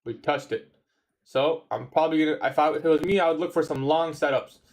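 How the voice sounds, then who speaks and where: A twentysomething guy with a slightly high voice talks fairly quickly on a trading livestream. He fields viewer questions in a relaxed, slangy way and keeps calling people "bro."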